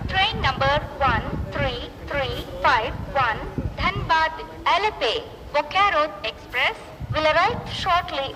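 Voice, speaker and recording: A woman announcing train arrivals over a railway station PA loudspeaker, with an Indian accent and slow, measured, evenly repeated phrasing. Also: high-pitched, rough recording.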